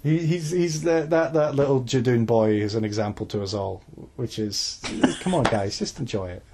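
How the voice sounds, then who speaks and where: A man's voice: mid-range voice, normal speed, background noise. A man co-hosting a podcast in casual chat, rambling and restarting, laughing often. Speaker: podcast co-host.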